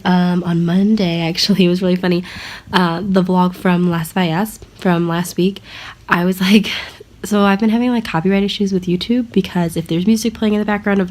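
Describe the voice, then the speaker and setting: A young American woman in her twenties, chatting casually in a vlog with lots of fillers and laughs. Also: on the low side. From United States. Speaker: vlogger and language assistant at a school. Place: outdoors in a park.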